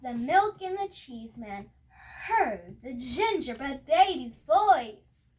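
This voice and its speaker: A young girl reads a picture book aloud with expression, pausing haltingly at times and adding chatty asides to her viewers. Her high voice swings widely in pitch and has a darkish tone.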